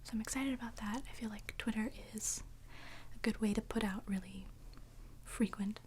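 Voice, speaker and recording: A woman hosting an ASMR video, chatting to viewers in a soft, breathy whisper with hesitant pauses between short phrases. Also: mid-range voice, a little hiss or hum.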